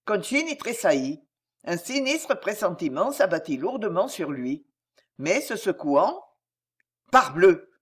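Woman narrator, historical novel; expressive, lively intonation, measured. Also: lowish voice, slightly rough. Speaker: audiobook narrator. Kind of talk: reading a historical novel aloud.

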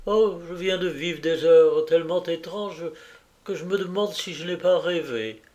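A man's voice: a little high, measured pace, a little mellow, voice pushed up, natural voice. Man voicing a shaken young woman. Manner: trembling, distressed.

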